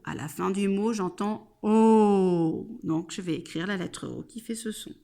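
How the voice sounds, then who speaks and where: A woman's voice: medium pitch, moderate pace, vocal fry, a little mellow. A woman teaching children to spell, patiently sounding out each syllable and reassuring them.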